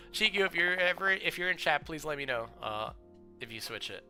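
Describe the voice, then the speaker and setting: A young man streaming casual commentary on viewers' game builds, chatty and full of fillers, with excited outbursts. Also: fairly high pitch, normal speed. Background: faint background music.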